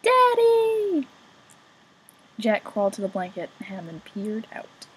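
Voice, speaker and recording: A woman's voice: medium pitch, steady tone, moderate pace, a little mellow, slight background noise, poor audio. A woman reading a novel chapter aloud as an amateur reader, casually remarking on her own slips.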